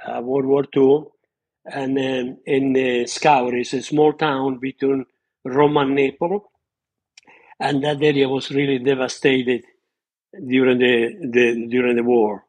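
An Italian man in his eighties, a retired surgeon, tells his life story earnestly as a podcast guest, often restarting as he searches for words. His mid-range, darkish voice has little pitch movement, and he takes his time. The audio quality is poor, fitting a reminiscing interview.

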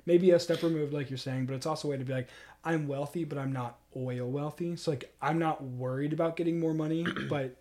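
A man's voice: a little high, steady tone, a little fast, warm tone. A young man co-hosting a casual podcast chat, rambling with lots of fillers and acting out little quotes. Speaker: podcast co-host.

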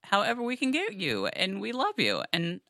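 A woman's voice: medium pitch, huge pitch swings, normal speed, sharp tone, no echo, clean studio sound. A woman hosting a podcast in casual, supportive and reassuring conversation. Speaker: podcast host.

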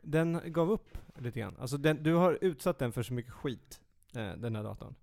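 A man's voice: mid-range voice, expressive, gravelly, a little mellow. A man chatting casually as a co-host, rambling and correcting himself with playful teasing. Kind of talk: casual chat.

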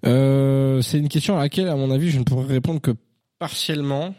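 A man's voice: medium pitch, fairly even intonation, a little fast, mellow. A tipsy man chatting casually on a podcast, hesitant and full of fillers, sitting close to a table mic. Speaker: podcast co-host. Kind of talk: casual chat. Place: room at home around a table.

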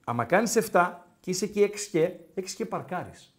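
A man co-hosts a live sports talk stream in casual banter. His voice sits high and swings widely, and he acts out the dialogue as he tells a story. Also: lively intonation. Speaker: co-host of a sports talk show.

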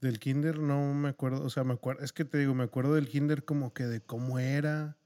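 A young man with a Mexican Spanish accent and a mid-pitched voice. He co-hosts a podcast and tells school stories at an easy pace. He laughs as he recounts them. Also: a little fast. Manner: relaxed, laughs while recounting. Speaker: podcast co-host. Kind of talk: casual storytelling chat.

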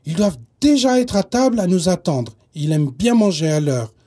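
A man putting on a bright, cheerful young boy in a children's story. The pitch lifts high and swings a lot, and the tone stays mellow and slightly husky. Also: big pitch swings, normal speed. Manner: hesitant, then bright and cheerful. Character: local boy, cheerful and knowing. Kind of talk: storybook narration.

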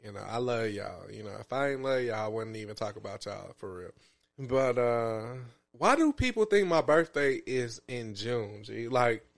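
A man's voice: medium pitch, expressive, moderate pace, vocal fry. A man in his thirties co-hosting a podcast, joking and teasing in slangy casual banter. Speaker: podcast co-host.

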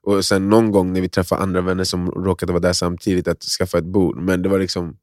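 A young man co-hosting a podcast, telling a story in a rambling, animated way with bursts of laughter. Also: sits low, no room sound, clean studio sound. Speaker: podcast co-host. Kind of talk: casual storytelling chat.

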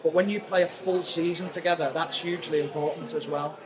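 Male pundit, slightly high voice, halting restarts, loud crowd chatter behind. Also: fairly even intonation. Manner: hesitant, restarts his sentences. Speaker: pundit guest. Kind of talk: casual sports chat.

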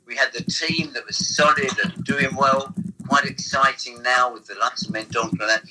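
A man reminiscing about old football seasons in a casual, halting chat, often restarting his sentences. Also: mid-range voice, fairly even intonation, background noise. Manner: rambling, halting storyteller with restarts. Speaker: former football club figure, guest.

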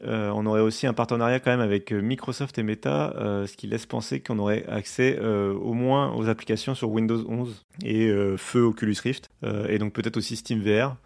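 A man's voice: lowish voice, fairly even intonation, a little fast, vocal fry, few pauses, a little mellow. A young man in casual live-stream chat about tech, hesitant, with many fillers and restarts. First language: French.

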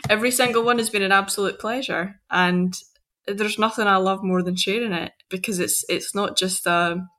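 A Scottish woman in her twenties, a poet speaking as a guest in an animated, expressive interview. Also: medium pitch, moderate pace. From Scotland. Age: 20s. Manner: animated, expressive, lively storytelling. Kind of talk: conversational interview.

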